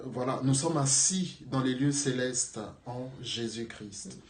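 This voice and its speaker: A man's voice: mid-range voice, takes it slowly. A man leading a church meeting, preaching in an earnest, pastoral way. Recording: echoey room.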